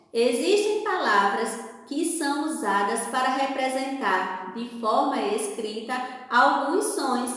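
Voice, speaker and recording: A woman teacher with a Brazilian Portuguese accent, correcting a worksheet aloud, patiently asking questions and pausing for answers. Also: high-pitched, fairly bright tone. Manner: acts out sound effects and whispers for examples. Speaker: primary school teacher. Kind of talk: remote lesson correcting a worksheet. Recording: very echoey room with long reverb.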